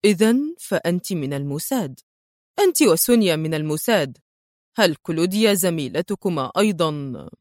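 A calm, stern male secret agent hero speaks low and mockingly, as a woman narrator puts him on. Dry, close audiobook sound. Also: brisk, dry recording.

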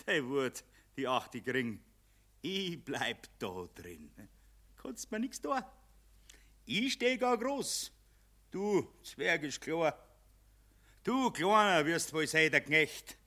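A gloating Bavarian spirit of money who sneers and taunts in a radio play. The voice leaps wildly up and down in pitch and has a bright edge, while the delivery is slow and drawn out. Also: male voice, very animated, full character voice. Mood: taunting. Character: mocking male spirit of money, Mammon, gloating. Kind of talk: broadcast radio play acting.

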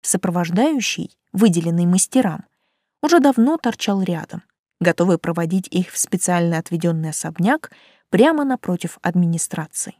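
A woman reads a first-person audiobook expressively, her pitch animated and sweeping, at a moderate pace. The recording is close and dry, with no room sound or echo.

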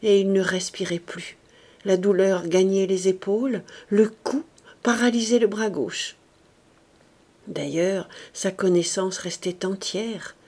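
A woman narrating a classic novel as an audiobook, in a measured, expressive reading. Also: mid-range voice. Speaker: audiobook reader.

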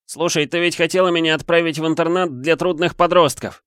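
A man's voice: on the high side, fairly even intonation, fairly quick, fairly bright tone, clean tone, no echo, clean studio sound, voice pushed up, close to an everyday voice. A man voicing a bitter eleven-year-old boy who speaks harshly and accusingly. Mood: cold.

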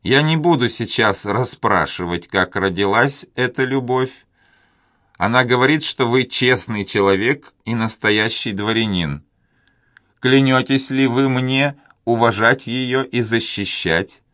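A man voicing a gloomy, dying old governor who speaks slowly and with contempt. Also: mid-range voice, fairly bright tone, dry recording, studio quality, voice pushed up, lightly acted. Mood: weary. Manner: slow, contemptuous, laboured.

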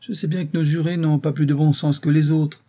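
A nosy, sharp-tongued housewife in a storybook reading, as a man puts her on, her voice pushed up high and loud. Her indignant bursts come out husky and dark-toned. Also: flat delivery, fairly quick, natural voice. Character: gossipy, blunt middle-aged housewife. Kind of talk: audiobook character reading.

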